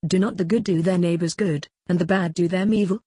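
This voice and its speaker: A reader voicing an aged philosopher on trial, cross-examining his accuser in a measured, questioning way in a dramatic reading. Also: medium pitch, steady tone, mellow, slightly rough, dry recording, studio quality, lightly acted. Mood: probing. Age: older. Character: aged male philosopher on trial, probing, ironic. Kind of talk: dramatic reading of a classical dialogue.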